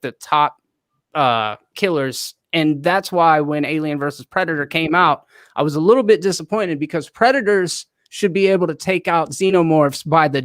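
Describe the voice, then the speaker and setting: A man's voice: fairly high pitch, fairly bright tone, dry recording. Blunt, joking man on a dry mic. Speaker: panelist. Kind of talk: casual live-stream chat.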